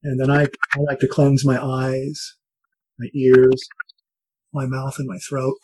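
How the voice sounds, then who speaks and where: A man with a slightly husky voice teaches shamanic ceremony as a guided meditation, in slow, repetitive, soothing phrasing. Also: medium pitch, monotone, darkish tone, poor audio. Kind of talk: guided meditation and spoken ritual instruction.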